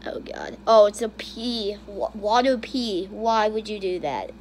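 A woman's voice: medium pitch, expressive, a little slow, a little mellow, a little hiss or hum. A young woman casually commenting on funny videos, bursting into shrieks and then muttering to herself. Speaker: YouTuber reacting to videos.

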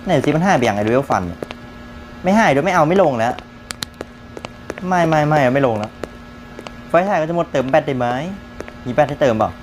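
A young man giving jumpy, excitable commentary on a horror game, often repeating words when startled. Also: fairly high pitch, moderate pace, long pauses, soft background music. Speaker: gaming YouTuber.

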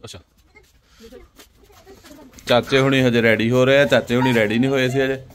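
A man's voice: medium pitch, little pitch movement, normal speed. A man vlogging a family visit, joking and coaxing the children in a sing-song way. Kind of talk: casual family vlog chatter. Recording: noisy family crowd around.

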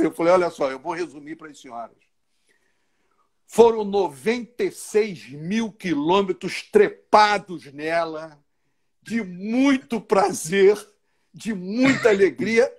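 A man with a Rio de Janeiro accent, telling a long story on a video call as an interview guest and acting out each person in it. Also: high-pitched. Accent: Rio de Janeiro Portuguese. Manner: animated, acts out dialogue with voices. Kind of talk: casual storytelling.

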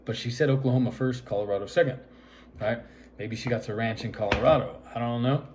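A man's voice: mid-range voice, fast talker, a little mellow, a little hiss or hum. A man casually retelling a film's plot in a rambling way, full of fillers and "right?" asides. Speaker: vlogger.

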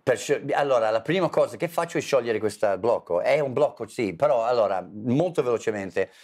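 An English teacher being interviewed, a man speaking Italian with a clear English accent. He tells stories with energy and slips into little acted voices when he quotes people. His voice sits at an ordinary middle pitch. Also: a little fast. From England. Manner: animated storyteller, mimics voices in quotes. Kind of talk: interview conversation.

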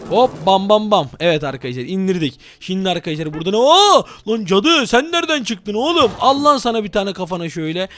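A man giving energetic Let's Play commentary, excitable and often yelling at enemies. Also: high voice. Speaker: gaming YouTuber.

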